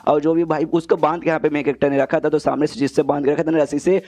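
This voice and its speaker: Fast-talking man in a chatty comic recap. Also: fairly high pitch, flat delivery, a little mellow. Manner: chatty, says "bhai" in nearly every line. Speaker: manhwa recap narrator. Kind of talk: casual story recap.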